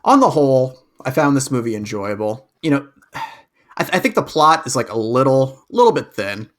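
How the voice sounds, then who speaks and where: A man's voice: mid-range voice, animated, moderate pace. A man co-hosting a podcast, chatting casually and thoughtfully over a remote call, often repeating words as he hesitates. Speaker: podcast co-host.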